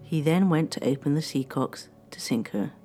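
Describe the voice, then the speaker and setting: A woman with a very low, dark and mellow voice reads a scripted history narration for radio. Her delivery is measured and steady, easing off the pace to let the dramatic lines land. Faint music sits under her voice. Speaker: radio presenter.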